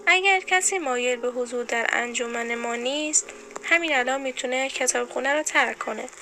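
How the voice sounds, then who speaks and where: An actress voicing a composed school principal who speaks in a measured, firm and authoritative way. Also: female voice, high voice, pushed and bright, soft background music. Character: composed adult woman school principal, firm but kind. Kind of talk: audio drama acting.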